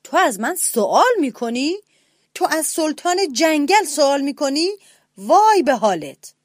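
A woman's voice: high voice, sing-song, no room sound, clean studio sound, pitched above the performer's own voice. Woman doing a roaring, bossy lion king. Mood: roaring angry. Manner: bellowing, domineering.

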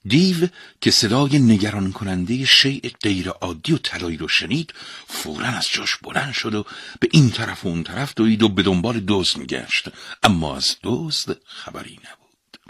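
A man narrating a fairy tale in an expressive, dramatic storybook style. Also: fairly low pitch, breathy edge, no room sound, studio quality.

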